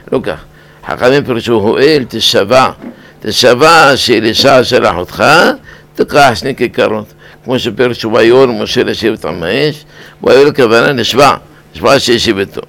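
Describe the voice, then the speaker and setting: An older man delivers a weekly sermon as a rabbi. His voice is rough and gravelly, sitting at an ordinary middle pitch. He speaks deliberately and repeats key words to drive each point home. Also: a bit bright. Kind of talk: weekly sermon on scripture and law.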